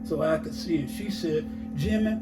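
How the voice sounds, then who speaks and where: A man's voice: a little high, unhurried, loud music behind the voice, poor audio. An older man telling his life story in a casual interview, rambling with many "you know"s and acting out the dialogue he recalls.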